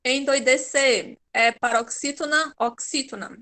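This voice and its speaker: A woman's voice: sits high, fairly even intonation, a little slow, sharp tone. A Brazilian woman teaching an online class, patient and encouraging, praising her pupils by name. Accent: Brazilian Portuguese.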